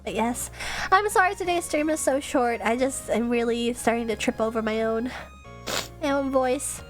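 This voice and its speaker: A woman's voice: on the high side, moderate pace, faint music behind. A young woman streamer with a stuffed-up nose, chatting and giggling as she reads fan messages. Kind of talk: casual live-stream chat.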